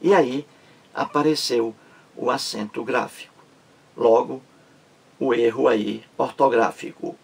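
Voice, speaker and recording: Slow, husky teacher man. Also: medium pitch. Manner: slow, repetitive, spells out syllables with emphatic stresses. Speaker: Portuguese language teacher. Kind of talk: grammar lesson explanation.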